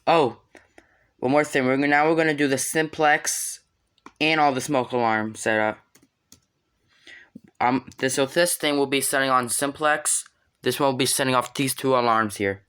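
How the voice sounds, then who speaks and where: A man's voice: medium pitch, normal speed, a bit bright, smooth. A man chatting casually as he gives a hands-on equipment demonstration. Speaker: hobbyist demonstrator.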